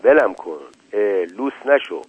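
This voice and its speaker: A man's voice: on the low side, lively intonation, husky, dry recording. A man voicing a young wife who is sulky, hurt and coaxed into laughter, in an old radio story. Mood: coy. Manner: soft and hurt, pleading. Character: young wife, sulky then tearful and playful. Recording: tinny dry lo-fi radio recording.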